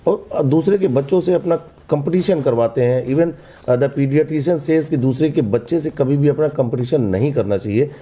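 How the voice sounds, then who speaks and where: A man's voice: fairly high pitch, moderate pace, dark tone, husky. A man hosting a podcast interview, giving short agreements and asking earnest questions that switch between Hindi and English. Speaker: podcast host.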